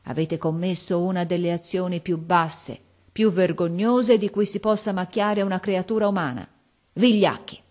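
A woman's voice: fairly low pitch, steady tone, normal speed, a little mellow, close to an everyday voice. Woman doing a stern schoolteacher guy scolding the class, indignant and upright, storybook reading.

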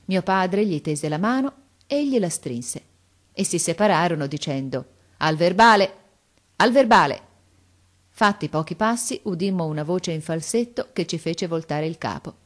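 A woman narrates an audiobook in a slightly low voice. Her reading is expressive, rising for emphasis and sinking for the softer moments. It is a steady, storytelling delivery. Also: normal speed.

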